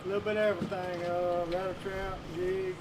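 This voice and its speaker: Quiet, flat-voiced angler. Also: male voice, sits high, brisk. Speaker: tournament angler. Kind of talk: brief interview answers. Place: outdoor lakeside weigh-in.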